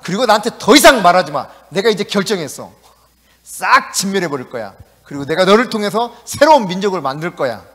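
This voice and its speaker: A pastor putting on an angry, fed-up God. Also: male voice, high-pitched, big pitch swings, fairly quick, a bit bright, big-room sound, full character voice. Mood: exasperated.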